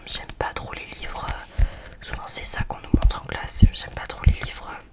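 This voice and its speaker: A woman speaks in a soft library whisper, presenting children's books for ASMR in a casual, hesitant, chatty way. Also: moderate pace.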